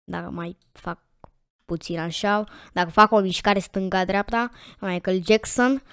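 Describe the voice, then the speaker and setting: Excitable woman narrating her gameplay. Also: mid-range voice, clear, resonant tone, no echo, studio quality. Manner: excitable, repeats words in quick bursts; chatty, talks to viewers while playing. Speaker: gaming channel host. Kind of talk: casual let's-play commentary.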